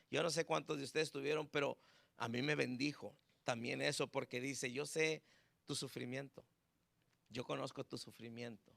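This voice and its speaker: A man's voice: medium pitch, vocal fry, sharp tone, dry recording. A man preaching a conversational sermon, dropping in English words and leading a prayer. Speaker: pastor.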